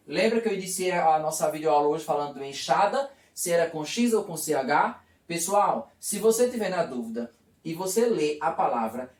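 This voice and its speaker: A man teaching a video lesson, explaining step by step and asking and answering his own questions. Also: sits high. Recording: echoey room, voice from far off.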